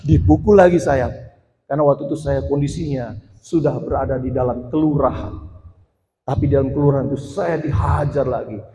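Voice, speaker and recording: At church, a man in his forties speaks a little fast in a warm, mid-range voice, offering his personal testimony as a sermon. He addresses the congregation head-on and climbs to emphatic passages, the echoey hall adding long reverb.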